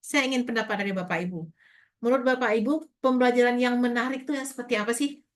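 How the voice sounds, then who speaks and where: A middle-aged woman giving a classroom lecture to university students, talking to them directly and acting out little dialogues with children. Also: quick pace. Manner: lively, acts out child and teacher dialogue in a higher voice.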